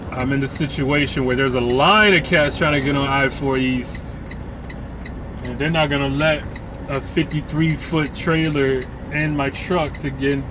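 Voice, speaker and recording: A man in his thirties, a truck driver, rambling casually and joking while he drives, swearing freely and restarting his sentences. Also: medium pitch. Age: 30s. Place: inside a moving truck cab in traffic. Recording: loud road and engine noise in truck cab.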